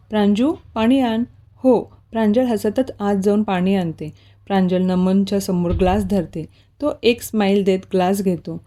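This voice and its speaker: A woman narrating a romantic story in a Marathi accent, reading the dialogue in a slightly higher voice. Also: mellow.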